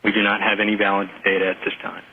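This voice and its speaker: A flight controller giving clipped, procedural reports over a mission control radio loop. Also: male voice, on the low side, monotone, racing, breathy edge. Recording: tinny archive radio loop.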